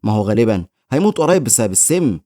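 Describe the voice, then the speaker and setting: Sneering young bully leader in a story recap, read by an Egyptian man, quick dry delivery. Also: lowish voice, sing-song, dark tone, dry recording. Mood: scornful. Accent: Egyptian Arabic. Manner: sneering, scornful. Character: mocking young male bully guild leader.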